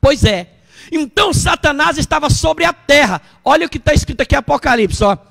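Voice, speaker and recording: A man, a bishop preaching a sermon at a church service. He tells the story in an animated way and puts questions to the congregation. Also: very high-pitched, a little fast, gravelly.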